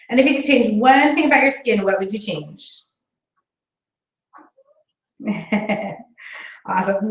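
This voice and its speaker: A bubbly, high-pitched saleswoman rings up a prize winner, all sparkle and eagerness, as a woman demonstrates it. Her bright pitch bounces around an echoey room, and the sound is slightly dull. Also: recorded from a distance, natural voice. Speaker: sales consultant on a demo phone call.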